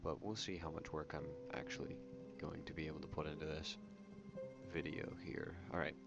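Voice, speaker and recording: A man speaks softly in a very low voice with a crackly, fry-laden edge, in the style of ASMR game commentary. He is casual and rambling, often correcting himself. The audio is slightly muffled. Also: level tone, normal speed. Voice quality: soft-spoken, low voice without whispering. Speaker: YouTube game channel host. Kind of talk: soft-spoken ASMR commentary on a video game. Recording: muffled audio under prominent music. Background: music.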